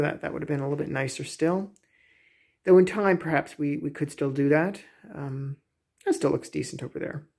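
Man, 30s, casual home-tour vlogger, gravelly, slightly husky voice, halting delivery full of ums, phone-recorded in a kitchen. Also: fairly high pitch. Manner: rambling, hesitant, many fillers and restarts. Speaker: homeowner vlogger. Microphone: phone camera, handheld selfie then walking.

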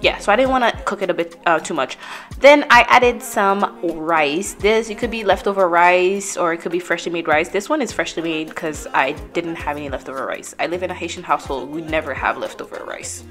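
A woman's voice: fairly low pitch, brisk, fairly bright tone, soft background music. Chatty woman narrating a cooking vlog. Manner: chatty, self-correcting, light laughs. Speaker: cooking vlogger. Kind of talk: casual cooking voice-over.

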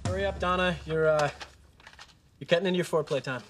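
An actor playing a sarcastic, awkward teenage son with deadpan, wisecracking delivery. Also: male voice, fairly high pitch, fast, natural voice. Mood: wry. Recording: noisy sitcom TV audio.

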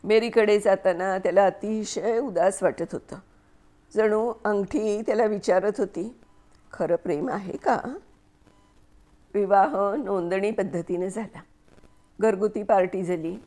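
A woman storyteller reading a story aloud in a measured, expressive way. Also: medium pitch.

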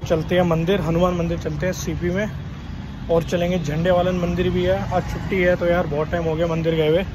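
A young man talking casually to viewers in a daily vlog, filming himself on a phone at arm's length while out in the city. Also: high-pitched. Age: young adult. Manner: chatty, addresses viewers as bhai. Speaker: vlogger. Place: outdoors on city streets and in a metro station. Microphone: phone held at arm's length.

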